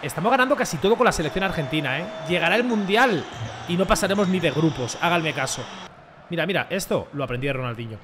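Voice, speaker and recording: A young man commenting excitedly on his own football video game match, joking and shouting at big plays. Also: a little high, fast talker, slight background noise. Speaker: gaming streamer.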